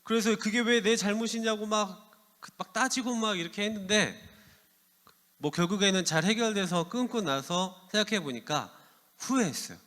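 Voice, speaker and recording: A man's voice: high-pitched, normal speed, fairly bright tone. A man in his thirties, a youth pastor giving a playful, casual sermon that asks the teens questions. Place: church hall. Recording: long hall reverb.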